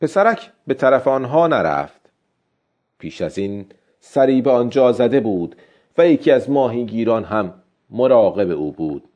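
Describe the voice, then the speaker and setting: A man reading a story aloud as an audiobook narrator in a measured, expressive way. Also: medium pitch, muffled recording.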